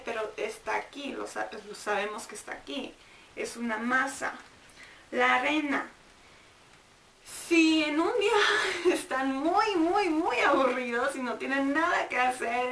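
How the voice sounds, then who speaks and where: High-voiced woman teaching, echoey room. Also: fairly bright tone, recorded from a distance, a little hiss or hum. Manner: drills words slowly, repeating and sounding them out. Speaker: English teacher. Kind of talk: bilingual grammar lesson.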